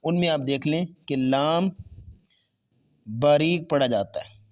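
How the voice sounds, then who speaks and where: A man teaching Quran pronunciation, explaining step by step and stretching letters slowly in drills, with English terms mixed in. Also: fairly high pitch, a little mellow. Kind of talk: tajweed lesson with spoken drills.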